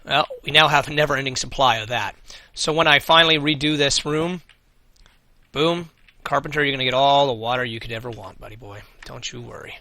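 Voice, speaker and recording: Fairly quick and mid-range, a man's bright, forceful voice is wearing out as he narrates a video game for his let's play. His commentary is casual: he mutters what he intends to do and curses offhandedly whenever something goes wrong.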